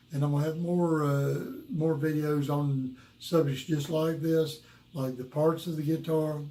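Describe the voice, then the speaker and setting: Folksy man with a worn, mellow voice. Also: on the high side. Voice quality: worn voice from years of rock and roll. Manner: folksy, halting, repeats himself. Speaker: guitar teacher and video host. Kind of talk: casual instructional talk to viewers. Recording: roomy, echoing room sound.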